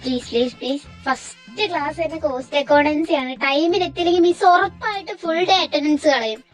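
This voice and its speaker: A cheeky young college girl, voiced by a woman, who talks in a very high, girlish voice. She pleads and chatters dramatically in a fan-made audio story. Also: brisk, soft background music, close to an everyday voice. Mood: pleading.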